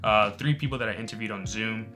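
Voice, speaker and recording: A man's voice: fairly low pitch, fast, over music. Earnest young man introducing a video project. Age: young adult. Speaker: student filmmaker and interviewer.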